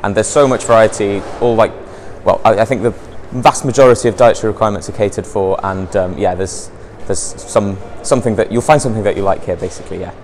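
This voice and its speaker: With a low, steady, darkish voice and a quick pace, a young North Walian man serving as college outreach officer chats upbeat through a walking tour of his college, outdoors and in its halls. He uses many ums and likes, and his lapel mic picks up a little hiss or hum.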